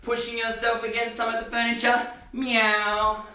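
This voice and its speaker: A man's voice: high voice, unhurried, a bit bright. A man coaching a children's gymnastics class in a live stream, cheering the kids on with upbeat encouragement, heard from across a gym. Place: gym hall. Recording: roomy echo, distant from mic.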